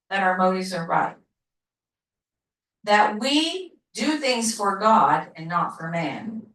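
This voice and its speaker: A woman teaching a Bible study class, talking slowly, repeating herself and asking the class questions. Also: mid-range voice, a bit bright, far from the mic. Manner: slow, repetitive, asks the class questions. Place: church classroom. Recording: roomy, from off mic.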